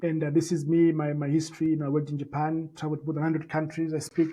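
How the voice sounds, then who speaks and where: A company founder from Zimbabwe whose first language is Shona speaks earnestly in an interview, a conversational business pitch full of fillers and repeated words. His voice is fairly high, monotone, warm and breathy, and he talks fast.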